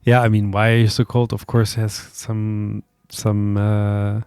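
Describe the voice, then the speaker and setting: Guy cohosting a soul radio show, lowish voice, slow and halting, dry close mic. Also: flat delivery, darkish tone, smooth, dry recording. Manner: hesitant, trails off and restarts. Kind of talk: casual music radio chat.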